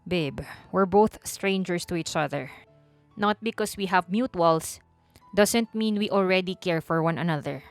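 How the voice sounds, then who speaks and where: A woman's voice: on the low side, measured pace, no room sound, soft background music. A woman voicing a hungover, grumpy rich young man who speaks curtly and coldly in a storybook reading. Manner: curt, cold and commanding.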